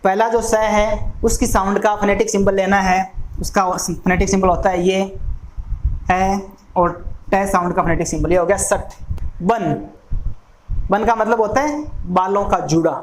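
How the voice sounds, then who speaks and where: A woman teaching an exam-prep phonetics lesson, going through each sound slowly and deliberately. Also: mid-range voice, fairly even intonation. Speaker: English teacher. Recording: echoey room with faint noise.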